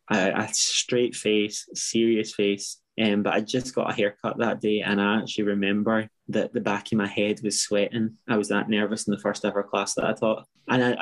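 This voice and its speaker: A man's voice: on the low side, poor audio. A young Scottish man, a teacher, talking frankly and with self-deprecating humour as an interview guest, often restarting his sentences. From Scotland. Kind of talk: casual interview talk.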